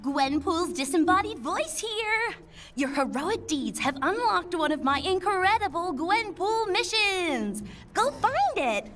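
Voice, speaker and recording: A woman voicing a zany, bubbly young superheroine in a video game, excitable and theatrical. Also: very high voice, takes it slowly, heavily acted. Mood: playful announcing. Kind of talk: video game character dialogue. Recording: music behind the voice.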